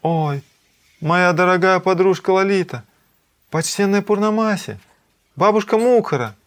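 A man voicing a tearful young heroine. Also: measured pace. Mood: ecstatic. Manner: high, exclaiming, emotional.

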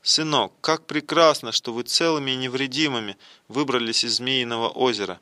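A man's voice: mid-range voice, moderate pace, sharp tone, natural voice. A man voicing a loving motherly queen in a devotional play, overjoyed and breathless.

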